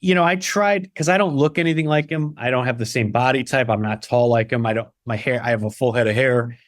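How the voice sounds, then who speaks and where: A man from the Chicago area, a playwright and solo performer, chatting in an interview in a quick, animated way with lots of restarts. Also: mid-range voice, no echo, studio quality. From Chicago area (Barrington). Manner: animated, quick, many restarts and "you know"s. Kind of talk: casual interview conversation.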